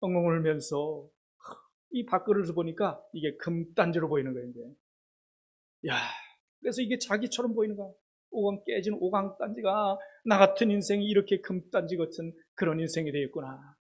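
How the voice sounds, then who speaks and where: A man pastor preaching a sermon, telling a story with lively exclamations to his congregation. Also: sits high, brisk. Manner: animated, acts out characters, exclaims to congregation.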